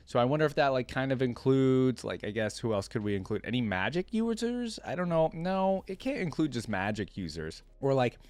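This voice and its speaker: He's a mid-range-voiced man running a reaction video, and the recording has no echo. He reads some things aloud, then drifts into easygoing, rambling thoughts.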